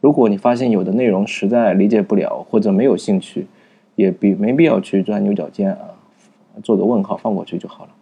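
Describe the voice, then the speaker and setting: A man with a very dark, husky, gravelly low voice gives a casual spoken summary of a book, explaining its reading method in a loose, conversational way. He talks fairly quickly, thinking aloud with frequent hesitations, fillers, and restarted sentences. The audio sounds dull.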